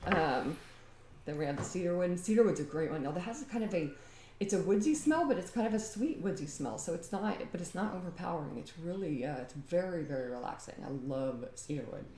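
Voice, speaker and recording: Chatty low-voiced woman. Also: expressive, a little fast, dark tone, echoey room, slight background noise. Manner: rambling and talkative, often laughing. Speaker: home DIY vlogger. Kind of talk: casual chatty demonstration. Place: home.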